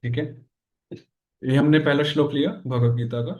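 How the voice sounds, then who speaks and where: A man teaching a Sanskrit grammar class, explaining slowly and counting syllables aloud, switching between Hindi and English terms. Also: medium pitch, fairly even intonation, a little mellow, echoey room. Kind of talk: online class lecture.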